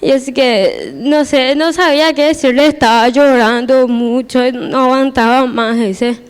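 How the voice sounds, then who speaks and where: A woman's voice: sits high, unhurried, smooth. A teenage girl giving a personal church testimony, hesitant and repeating her words as she restarts.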